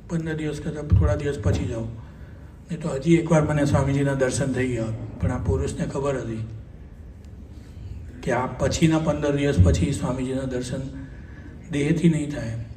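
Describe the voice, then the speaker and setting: Gujarati man, devotional talk, mellow mid-high voice, distant mic in an echoey hall with a faint hum. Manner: conversational storytelling, quoting others. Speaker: doctor recounting a spiritual memory. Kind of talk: devotional talk at a Sunday assembly.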